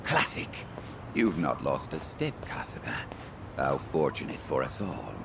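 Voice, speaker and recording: An actor voicing a pompous, theatrical, eccentric professor in a video game cutscene, with florid, old-fashioned delivery. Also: male voice, a bass voice, wildly swooping pitch, measured pace, vocal fry, noisy background, full character voice. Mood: smug, sardonic.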